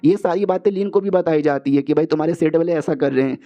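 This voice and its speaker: A man's voice: fairly high pitch, fast, dark tone, lo-fi sound. A man casually retelling a comic story in a slangy, chatty way, with lots of filler phrases. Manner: slangy, chatty, repeats filler phrases, calls listener brother. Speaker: manhwa recap narrator.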